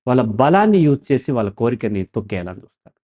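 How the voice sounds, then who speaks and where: Phone-quality sound carries a man's mid-range voice at a quick pace. He's a counselor interviewed as a guest, animated and explanatory, with a habit of asking questions and answering them on his own.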